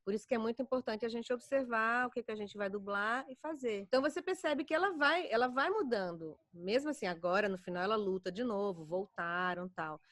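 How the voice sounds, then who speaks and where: Brazilian woman, middle-aged, voice actor guest, animated and chatty, dry sound. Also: fairly high pitch, brisk, few pauses, no echo. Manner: animated, chatty, many fillers. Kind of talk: casual interview chat.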